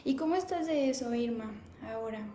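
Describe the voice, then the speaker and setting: High-voiced woman hosting a live stream. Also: animated, fairly quick, slight background noise. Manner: warm, conversational, reads viewer comments aloud. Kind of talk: casual live stream talk, greeting viewers. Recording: echoey room.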